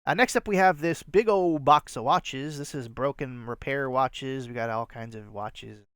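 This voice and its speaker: Male vlog host, nasal and gravelly, rambling casual delivery, dry close recording. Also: medium pitch, normal speed, fairly bright tone, dry recording. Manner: rambling, filler-heavy, self-deprecating. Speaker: resale channel host. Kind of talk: casual show-and-tell vlog.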